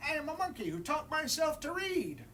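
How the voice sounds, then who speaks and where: A woman voicing a gleeful, boastful monkey in a high sing-song voice. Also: sing-song, a little fast, fairly bright tone, a little hiss or hum. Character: silly boastful monkey narrator, childish and gleeful. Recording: voice from a distance with faint room ambience.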